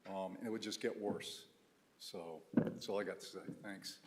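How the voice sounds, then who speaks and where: A man's voice: low-pitched, steady tone, moderate pace, a little hiss or hum. A man giving a blunt, casual public comment at a town meeting. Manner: plain-spoken, casual, blunt. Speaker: resident speaking at public comment.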